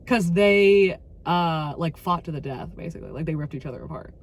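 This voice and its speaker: A woman chatting casually about a novel she read, animated and swearing freely as she acts out her own reactions. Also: sits low, fairly quick. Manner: animated, swearing, quotes herself dramatically. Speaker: book vlogger. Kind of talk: casual book chat.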